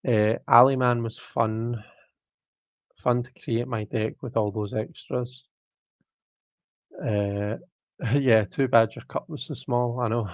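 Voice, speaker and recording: A man's voice: medium pitch, steady tone, slow, long pauses, no room sound. A man chats loosely and jokes at his own expense while hosting a live tarot stream. His voice sits mid-range and sounds dry and close, with a dull, lo-fi stream quality. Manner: chatty, self-mocking, reads out viewer comments. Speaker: tarot reader and livestream host. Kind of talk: casual live-stream chat.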